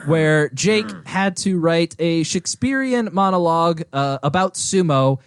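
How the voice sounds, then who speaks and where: A man's voice: on the high side, a little slow, smooth, dry recording, studio quality. A man co-hosting a casual podcast, teasing and needling the others. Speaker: podcast co-host.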